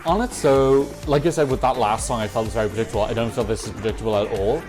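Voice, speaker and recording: Hosting a Eurovision reaction video, a man with a medium-pitched voice talks fast, offering chatty, opinionated commentary and correcting himself along the way. Faint music from the songs plays in the background.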